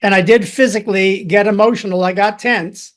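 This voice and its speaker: A man from Chicago hosting a podcast interview, talking in an enthusiastic, reflective way with thoughtful pauses. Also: high voice, steady tone. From Chicago, USA. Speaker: podcast host. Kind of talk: conversational interview.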